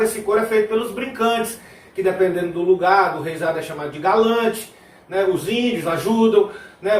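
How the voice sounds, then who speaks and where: A man teaching a video lesson on folk music, singing verses and then explaining them in a loose, chatty way. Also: sits high. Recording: roomy, mic at a distance. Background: tambourine playing.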